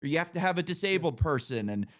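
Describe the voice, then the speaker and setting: A man's voice: fairly high pitch, animated, fast, a bit bright. A man in his thirties hosting a casual podcast conversation, chatty and opinionated, leaning on "like" and "you know". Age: 30s. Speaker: podcast host.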